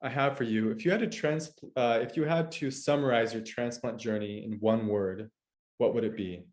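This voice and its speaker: A man hosts a casual interview, chatty and upbeat. His voice sits at an ordinary middle pitch, and he sometimes restarts a phrase as he goes. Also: normal speed, a little mellow. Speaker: host. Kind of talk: casual video-call interview.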